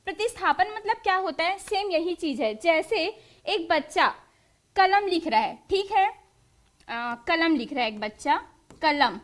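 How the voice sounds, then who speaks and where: A woman's voice: very high-pitched, expressive, unhurried. A young woman teacher leading an exam-prep lesson, asking the class questions and answering them herself. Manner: drills students with quiz-style questions, then answers them.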